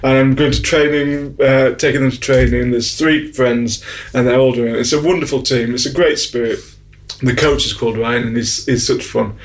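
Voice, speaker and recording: A man's voice: mid-range voice, steady tone, normal speed. A middle-aged man, co-hosting a radio show and telling stories with enthusiasm. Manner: enthusiastic, warm storytelling. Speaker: radio co-host. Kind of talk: casual radio chat.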